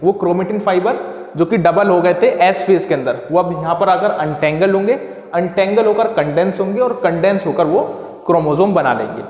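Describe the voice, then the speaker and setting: Male tutor, high voice, walks through a lesson, room with long reverb. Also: fairly quick, a little mellow. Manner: asks and answers own questions, repeats key terms. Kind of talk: classroom lesson explaining diagrams.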